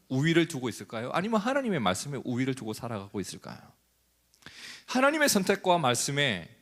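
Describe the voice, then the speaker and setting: A male pastor delivering a sermon in a church, animated and asking the congregation questions. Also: medium pitch, in a large hall.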